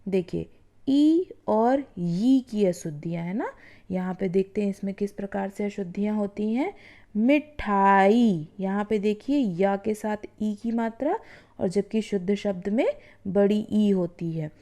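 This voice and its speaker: A woman teaching schoolchildren, explaining spelling mistakes and slowly sounding out example words, often checking in with "ठीक है". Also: medium pitch, warm tone. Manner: drawn-out demonstration of words, frequent "है ना" and "ठीक है"; addresses the students directly as children. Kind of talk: classroom lesson explaining spelling errors.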